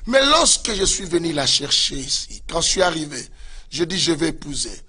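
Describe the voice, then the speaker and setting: A male pastor preaching with fervor, his voice pitched high and bright. He swings his tone up and down freely and keeps calling out to his listeners, with a slightly husky edge. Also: sing-song, moderate pace. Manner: fervent preaching with repeated direct address to listeners. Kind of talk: sermon.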